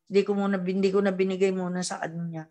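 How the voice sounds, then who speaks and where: A woman's voice: medium pitch, quick pace. A middle-aged woman, a mother and folk healer, chatting casually with her family and acting out the people she quotes. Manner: animated storyteller who acts out quoted dialogue.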